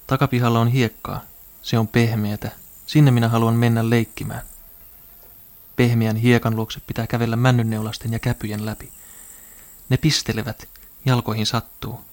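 A lonely child quietly tells of hiding away, played by a man. The voice is flat and even, with a creaky, gravelly grain at a middling pitch. The telling is dreamy and first-person, in a radio drama. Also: lightly acted.

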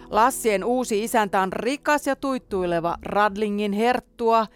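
A woman radio host presenting audio dramas in a smooth, scripted way. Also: on the high side.

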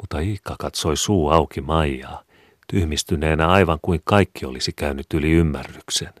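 A man reads a story aloud, calm and measured. His voice is extremely deep. The recording is dry and close, with no room sound. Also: no echo. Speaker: story reader. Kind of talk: storybook narration.

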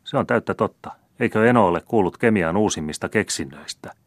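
An unbothered young scholar answers with easy, amused calm, as a male audiobook reader puts him on. The voice sits a little above a deep natural register. The sound is close and dry. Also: no room sound. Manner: easy, mildly teasing, unbothered. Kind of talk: audiobook character reading.

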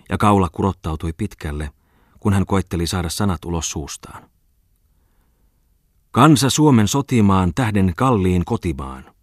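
A man reading a novel aloud as an audiobook narrator, in a measured, even storytelling manner. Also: rumbling low, no room sound, clean studio sound. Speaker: audiobook reader.

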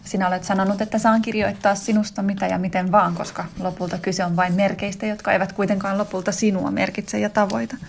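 A woman's voice: medium pitch, creaky, hardly any pauses, slight background noise, lightly acted. A woman voicing a wistful wife reading a letter to her husband in a radio drama monologue, intimate and reflective. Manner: intimate, reflective, growing more heightened and excited.

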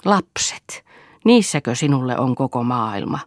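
A woman's voice: rumbling low, big pitch swings, no echo, studio quality, full character voice. Woman reading as a bitter, scornful husband. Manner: scornful, accusing. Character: bitter jealous husband, domineering.

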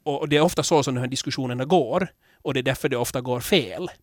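Guy hosting a podcast, rambles and restarts a lot, gets lively telling stories, mid pitch, dry close sound. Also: no room sound. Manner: candid, rambling with restarts, turning animated in anecdotes. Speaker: podcast host. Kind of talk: casual podcast chat.

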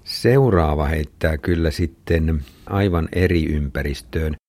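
A man's voice: a bass voice, darkish tone. A man hosting a radio book review and giving thoughtful commentary. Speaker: book critic host.

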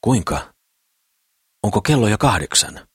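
A man's voice: fairly low pitch, very animated, a bit bright, slightly rough, no room sound, clean studio sound, pitched above the performer's own voice, full character voice. A man voicing a naive, idealistic dwarf who sounds bewildered and boastful.

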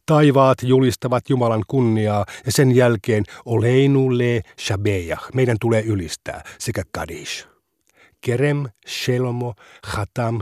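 Male reader, mid pitch, steady scripted reading of religious law, dry booth. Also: no room sound. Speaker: reader of a translated legal text. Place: radio studio.

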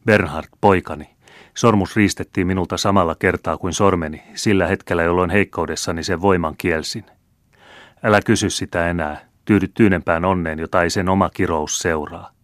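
A man's voice: deep voice, steady tone, a bit bright, no echo, studio quality. Man reading as a grave old general. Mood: fervent. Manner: grave and impassioned. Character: aging proud male general, father. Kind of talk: audiobook character reading.

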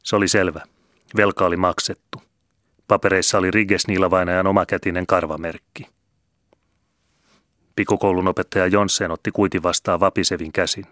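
A man calmly reading a novel aloud as an audiobook narrator. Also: deep voice, long pauses, dry recording, clean studio sound. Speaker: audiobook reader. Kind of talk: scripted narration.

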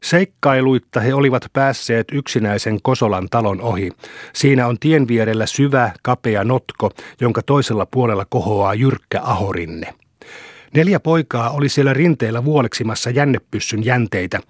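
A man reading an audiobook in steady storybook narration. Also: mid-range voice, no room sound, studio quality. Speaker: audiobook reader. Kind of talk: scripted narration.

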